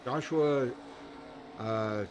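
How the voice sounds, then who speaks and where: A man's voice: medium pitch, very slow, highs cut off, slight background noise. A man doing live race commentary in a rambling, folksy way, full of fillers. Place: commentary booth at a racetrack.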